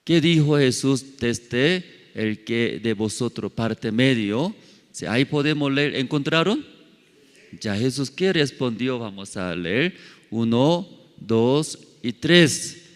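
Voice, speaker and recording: A male pastor preaching a sermon in halting, non-native Spanish, throwing many questions at his congregation and padding his phrases with fillers. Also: mid-range voice, lively intonation. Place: church sanctuary. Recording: long hall reverb.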